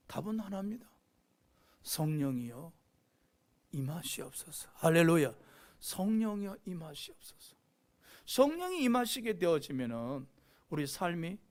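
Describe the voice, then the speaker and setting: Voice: mid-range voice, darkish tone. A pastor preaching a sermon with passion, often prompting the congregation with a questioning "eh?". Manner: impassioned preaching, frequent rhetorical "eh?" prompts to the congregation.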